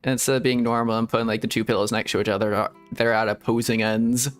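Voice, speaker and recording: A VTuber streamer plays a game and rambles to himself in casual commentary, giggling often. His lowish voice is delivered flatly and quickly over soft background music.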